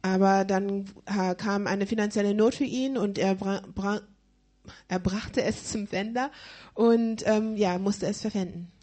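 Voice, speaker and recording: Female live interpreter at a church service, hesitant, restarts often, mid-pitched voice. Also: fairly even intonation, a little slow, a little mellow. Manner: hesitant, many fillers and restarts while searching for words.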